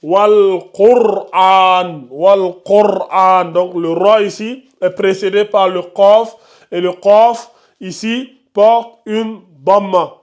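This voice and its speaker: Slow, high-voiced man teaching. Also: steady tone, darkish tone. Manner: repeats rules, checks in with listeners, searches for terms with fillers. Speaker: tajwid teacher. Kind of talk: slow explanatory lesson.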